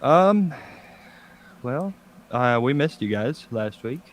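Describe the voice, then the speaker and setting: A man co-hosting a casual podcast, joking crudely with deadpan asides. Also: medium pitch, slow pace. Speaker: podcast co-host. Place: home studio.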